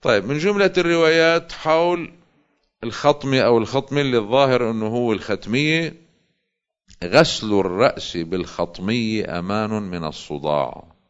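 A man's voice: deep voice, clean tone, highs cut off. A male cleric with a Levantine Arabic accent, giving a religious lesson that explains points and poses rhetorical questions.

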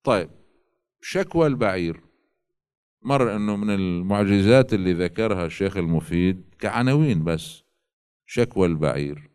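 A man giving a religious lecture, reading classical quotations slowly and explaining them in colloquial asides. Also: sits low, expressive, darkish tone, clean tone. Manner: alternates slow quoted readings with colloquial asides.

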